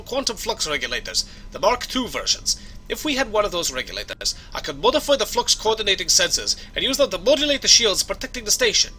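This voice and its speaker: A man's voice: sits high, sharp tone, breathy edge, pitched above the performer's own voice, full character voice, rough recording. A man voicing a hearty male Scottish starship engineer who loves his whisky, in a put-on Scottish accent. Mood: urgent. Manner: hearty, blustery, rolling brogue.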